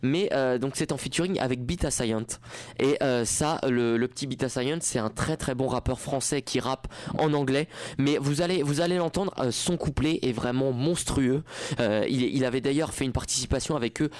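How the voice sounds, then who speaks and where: A man's voice: mid-range voice, moderate pace, darkish tone, no echo. A young man hosting a campus radio show in a studio, chatting casually with lots of fillers and restarts. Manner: rambling, many restarts and fillers. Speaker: radio host. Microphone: studio microphone.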